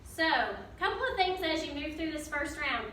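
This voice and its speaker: High-pitched woman aerobics instructor, very echoey room. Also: lively intonation, normal speed, fairly bright tone. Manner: encouraging, informal, giving form cues. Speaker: fitness coach. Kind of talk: aerobics instructor leading a workout. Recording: very echoey room, distant mic, faint noise.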